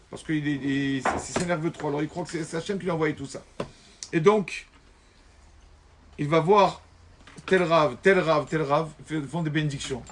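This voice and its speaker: A man giving a sermon as a rabbi, mixing in Hebrew terms and repeating phrases for emphasis, moving between loud stresses and soft asides. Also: fairly high pitch, slight background noise. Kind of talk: sermon told as a story.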